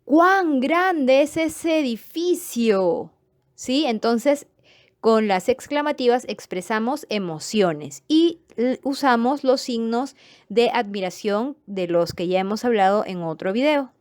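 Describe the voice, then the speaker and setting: Woman teaching a clear grammar lesson. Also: on the high side, animated, measured pace, a little mellow, no echo, studio quality. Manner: patient, repeats points and checks understanding; friendly sign-off to viewers.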